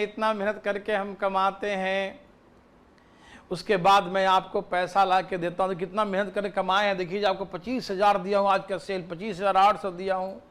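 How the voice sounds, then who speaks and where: A man's voice: high voice, fairly bright tone, smooth. A man voicing a pleading male shop employee who keeps saying "please" as he asks his boss for a bigger commission. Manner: wheedling, repeats "please" again and again.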